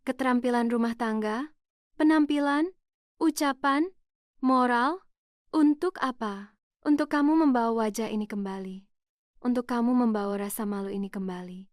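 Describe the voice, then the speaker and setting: A woman's voice: on the high side, moderate pace, pauses often, no echo, clean studio sound, close to an everyday voice. A woman voicing a furious aging father who scolds his daughter in a raised, accusing voice. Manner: shouting, accusing, indignant.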